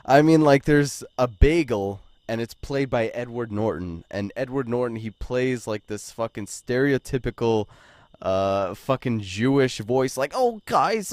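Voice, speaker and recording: Man, casual movie reviewer, swears a lot, says "like" constantly, mid-pitched voice, dry close sound. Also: a little mellow, dry recording. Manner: rambling and profane, full of "like" and "you know".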